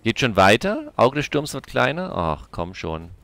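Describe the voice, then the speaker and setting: A man's voice: medium pitch, huge pitch swings, measured pace, creaky, a bit bright. A man commentating his own video game play, chatting to himself and his viewers with frequent exclamations and curses. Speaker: gaming YouTuber.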